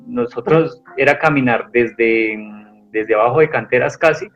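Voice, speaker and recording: A man's voice: medium pitch, a little slow, a bit bright. A man giving an earnest personal testimony in an interview, rambling with many restarts. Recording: dull lo-fi sound with faint music.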